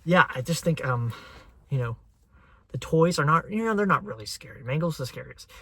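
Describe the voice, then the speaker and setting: A young man hosting his own channel, chatting casually and excitedly as a fan with a rambling flow. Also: on the high side, moderate pace, slightly rough, no echo. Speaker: channel host. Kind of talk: casual chat.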